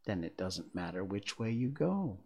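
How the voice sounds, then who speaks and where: A man voicing a sly, grinning male cat who teases and talks in riddles, drawing his words out with high swoops. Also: very animated, normal speed, creaky, darkish tone, husky, exaggerated voice. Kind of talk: storybook reading.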